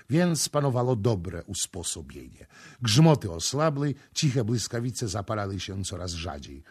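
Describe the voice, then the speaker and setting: A man with a husky voice reading a classic novel aloud in an expressive, dramatic style. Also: fairly low pitch. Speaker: audiobook narrator. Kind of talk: literary audiobook narration.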